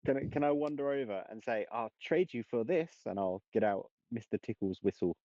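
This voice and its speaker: A man's voice: medium pitch, brisk, warm tone, no room sound. A man playing a tabletop game, hesitant and stammering. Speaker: player. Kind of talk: tabletop role-play. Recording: dry, dull lo-fi mic.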